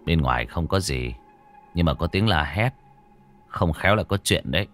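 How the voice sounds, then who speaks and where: A man voicing a wary older village husband who speaks in a low, measured way in a storybook ghost tale. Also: animated, fairly bright tone, faint music behind.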